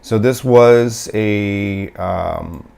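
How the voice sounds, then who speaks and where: Unhurried man with a cold-roughened, raspy voice, talking viewers through his screen. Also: fairly low pitch, darkish tone. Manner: unhurried, halting, many fillers. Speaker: day trader streaming live. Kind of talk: casual live-stream commentary.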